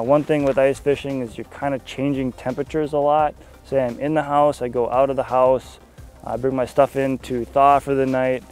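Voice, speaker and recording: A young man giving a casual walkthrough of his fishing gear outdoors on a frozen lake, talking in a relaxed, conversational way with frequent fillers. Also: medium pitch. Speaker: fishing staff presenter.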